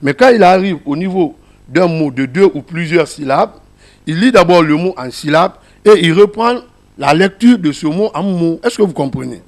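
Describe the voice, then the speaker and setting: A man's voice: a little high, animated, moderate pace. A man with a Guinean French accent teaching a class, explaining a reading method step by step and asking his listeners questions.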